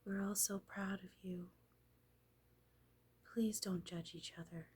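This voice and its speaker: A woman speaking as a seance medium in trance, voicing a gentle, loving male spirit in breathy, half-whispered, halting phrases. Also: mid-range voice, fairly even intonation. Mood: tender, reassuring.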